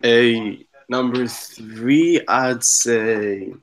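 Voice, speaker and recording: A man co-hosting a casual podcast chat, loose and excitable, swearing freely. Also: mid-range voice, drawn-out words, slight background noise, rough recording. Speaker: podcast co-host.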